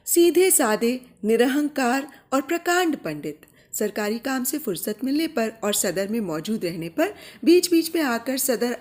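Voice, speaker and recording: Female narrator for a literary audio story, slightly high voice with very animated intonation. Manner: measured, expressive reading with quoted dialogue.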